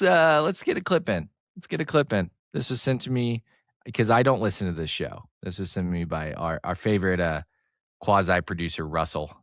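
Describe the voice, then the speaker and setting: Male podcast host, lowish voice, mumbly and excitable, dry close mic, rambling solo sports chat. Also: dry recording. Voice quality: slight speech impediment, mumbly. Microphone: close desk mic, sometimes turning off-axis.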